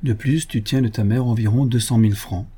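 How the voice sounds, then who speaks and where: A man playing a devoted older father who turns indignant and forceful when roused. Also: mid-range voice, fairly even intonation, brisk, slightly rough. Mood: indulgent.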